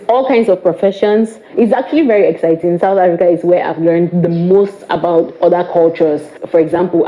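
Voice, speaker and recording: This young woman vlogger, who has a Cameroonian English accent, chats playfully to the camera and tosses in teasing asides. Her voice sits lowish, and the recording has its highs cut off.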